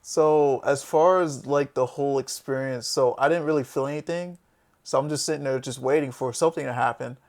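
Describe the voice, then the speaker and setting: A man's voice: mid-range voice, fairly quick, darkish tone. A man casually telling a rambling story, laughing often and swearing freely. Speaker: podcast host.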